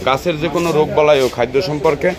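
A man's voice: a little high, racing, crowd noise. Upbeat man touring plant fair stalls. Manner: upbeat, repetitive promotional patter. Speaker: gardening channel host. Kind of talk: promotional walkthrough at a tree fair.

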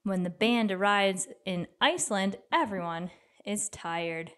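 A woman's voice: mid-range voice, measured pace, a bit bright, smooth. Woman reading a children's picture book. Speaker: read-aloud storyteller for children.

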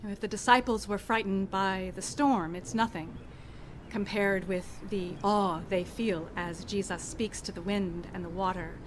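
A middle-aged woman pastor with a mid-range voice preaches a sermon outdoors in a church garden, using a stand mic at a lectern and pausing expressively. Background noise can be heard.

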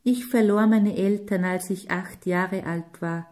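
An earnest grown man who lost his parents as a child tells his story in a slow, mellow voice, as a woman reader speaks his lines. He talks plainly and sincerely, in a storybook reading. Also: mid-range voice, fairly even intonation, natural voice.

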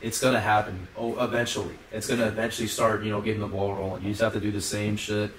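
Young male podcast host, low voice, quick loose chatter full of fillers, roomy off-mic sound. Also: little pitch movement, recorded from a distance, slight background noise. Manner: rambling, filler-heavy, lots of "like" and swearing. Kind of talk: casual podcast chat.

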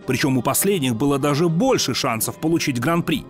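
A man narrates a documentary in a steady, informative voice. His voice sits a little high, with music playing clearly behind him. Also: a little fast. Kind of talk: scripted narration. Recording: narration over loud music.

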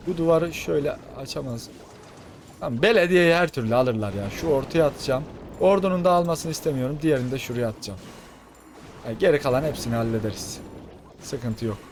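Young gamer host, high-pitched, quick and excitable, faint background hum. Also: male voice. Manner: fast, excitable, talks to viewers as friends. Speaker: gaming channel host. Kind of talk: live gameplay commentary.

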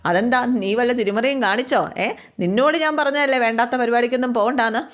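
Brief: woman doing an elderly grandmother, fussing and scolding, slightly higher voice. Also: fast, natural voice. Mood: chiding. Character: older grandmother, scolding but caring.

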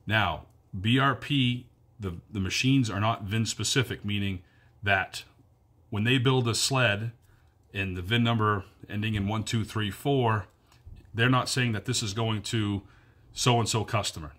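A man in his thirties with a fairly low, fairly bright voice speaks into a phone camera held close at arm's length, giving a business update for a powersports dealership where he works. At a measured pace, he talks earnestly, repeats key points for emphasis and uses plenty of fillers. The audio is close and informal, recorded indoors in a wood-paneled room.

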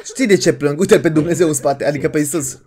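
A young woman giving chatty, excitable commentary as she plays a horror game, shrieking when startled. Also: deep voice. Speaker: gaming YouTuber.

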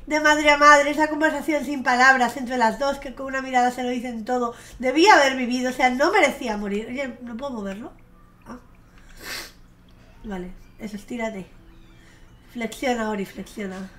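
A woman's voice: sits high, steady tone, normal speed, fairly bright tone. A young woman commenting on a game she plays, chatty, swearing casually and breaking into gushing squeals. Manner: gushing, squealing outbursts of delight. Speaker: streamer. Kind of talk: gameplay commentary. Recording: faint game music behind her.

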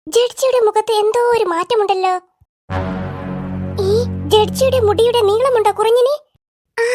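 A voice actor voicing squeaky schoolkids in an animated comedy, trading quick teasing banter. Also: heavily acted. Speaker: cartoon voice actor.

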